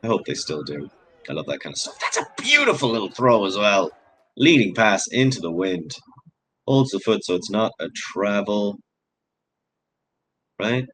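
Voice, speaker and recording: Low-voiced man commentating ultimate. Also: sing-song, moderate pace, long pauses, fairly bright tone, low-quality recording. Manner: chatty, analytical, self-deprecating asides. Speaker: sports commentator. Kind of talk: live play-by-play commentary.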